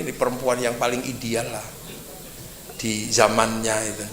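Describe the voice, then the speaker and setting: Gravelly man, halting reflective speaker, echoey room, faint hiss. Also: mid-range voice. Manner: halting, searching for words. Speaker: panel speaker. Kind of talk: reflective talk.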